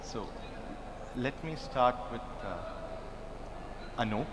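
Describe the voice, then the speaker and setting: A man moderates a panel discussion in a large expo hall, formal and announcing, his medium-pitched voice animated but extremely slow. Hall reverb and faint ambience surround him, with noise in the background.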